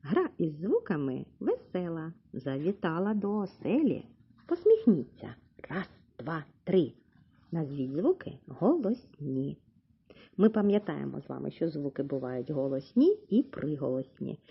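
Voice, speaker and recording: A woman teaching a literacy lesson to young children, sounding out letters slowly and clearly for them to repeat. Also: deep voice, very animated. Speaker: preschool teacher. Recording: dull lo-fi recording.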